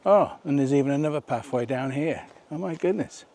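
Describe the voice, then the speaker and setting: A man's voice: mid-range voice, a little fast, warm tone. A man narrating a walking vlog outdoors on a rural nature trail, chatty and rambling, asking viewers questions as he goes. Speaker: vlogger.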